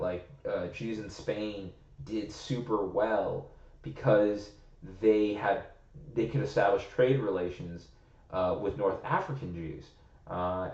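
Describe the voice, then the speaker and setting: The recording is roomy and slightly muffled as a young man from the United States co-hosts a podcast in a lowish, slightly mellow voice. His casual chat wanders as he thinks aloud, relying heavily on "like."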